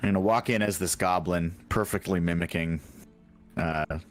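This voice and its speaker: A low-voiced man talks through his character's moves in a tabletop game, rambling and circling back as he goes. Faint music plays under the table talk. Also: steady tone, moderate pace. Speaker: player.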